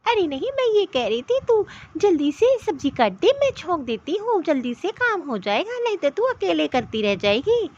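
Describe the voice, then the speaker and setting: A woman's voice: extremely high pitch, very animated, normal speed, few pauses, darkish tone, lo-fi sound. A woman voicing a kindly middle-aged mother-in-law in a cartoon, speaking affectionately. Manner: affectionate, soothing. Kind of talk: Hindi cartoon voice acting.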